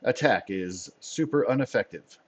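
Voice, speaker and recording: A man narrating as game master of a tabletop role-playing game, playful and quick to laugh. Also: mid-range voice, animated, breathy edge. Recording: dull lo-fi sound.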